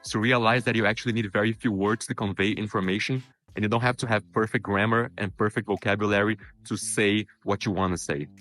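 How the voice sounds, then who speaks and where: This career-tips vlogger is a Brazilian man, Portuguese his first language, whose low-leaning voice is steady and fairly bright. He advises the camera in a fast, informal way, often saying "you know," over faint background music.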